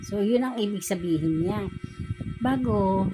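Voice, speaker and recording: A woman's voice: medium pitch, unhurried, low-quality recording. A woman vlogger telling her viewers a personal story in a casual, emotional way. She keeps retelling conversations, often repeating how she said it. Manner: emotional, grows quiet and subdued. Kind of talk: casual spoken storytelling vlog. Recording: music playing behind the voice.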